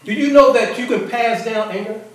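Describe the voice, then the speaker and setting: Speaking briskly in a very high voice, this middle-aged preacher addresses his congregation conversationally, often circling back to repeat or restart phrases. The recording comes from a far mic in an echoey hall, with the congregation present.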